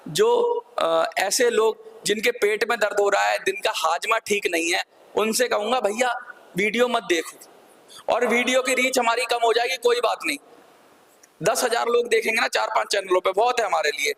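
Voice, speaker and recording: A man's voice: high-pitched, normal speed, creaky, fairly bright tone. An older man giving a fervent, repetitive rallying appeal to viewers as a pensioners' campaign organizer.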